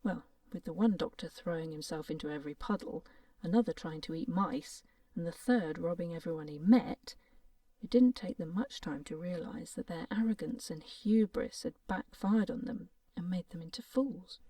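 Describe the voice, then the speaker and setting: A woman reading a fairy tale aloud in a soft-spoken, playful manner, often dropping into a half-whisper. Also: on the low side, normal speed, no room sound. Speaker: storyteller. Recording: voice a little distant from the mic.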